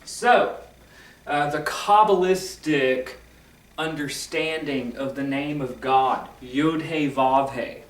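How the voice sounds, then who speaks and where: A man explaining esoteric teachings in a casual, rambling lecture, correcting himself often and filling pauses with ums and uhs. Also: on the high side, reverberant, recorded from a distance, low-quality recording. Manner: rambling, self-correcting, filler-heavy.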